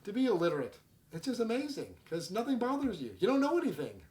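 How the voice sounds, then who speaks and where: A man's voice: high-pitched, wildly swooping pitch, quick pace, darkish tone. A man hosting a casual comedy food review show, joking at his own expense and rambling with fillers. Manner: self-mocking, jokey, rambling with fillers. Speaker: host.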